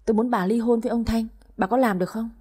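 Brief: woman doing a pushy young mistress, higher and sharp-tongued, husky tone. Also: steady tone, fast talker. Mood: rude. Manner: shrill, rude, tearful pleading. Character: young scheming female mistress, shrill and tearful.

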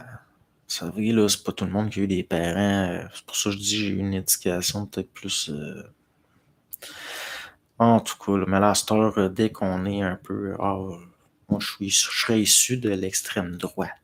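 A middle-aged man with a Québécois French accent speaks in a low, creaky voice with a breathy edge. He's chatting casually on a livestream, rambling and hesitant as he answers viewer comments, full of fillers and restarts.

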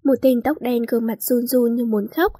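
A young woman narrating a storybook aloud in a lively way and acting out the characters' lines. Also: fairly high pitch, normal speed, husky, no echo, studio quality. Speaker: audiobook narrator.

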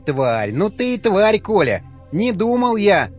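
A coarse, aggressive young brute, as a man reading an audiobook puts him on, pitched well above the reader's own voice and swinging wildly up and down. He snarls and barks his lines. The recording sounds dull and muffled. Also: sing-song, slow, soft background music, exaggerated voice. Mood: angry sneering. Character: crude brutal young male scavenger, foul-mouthed. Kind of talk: audiobook character voice.

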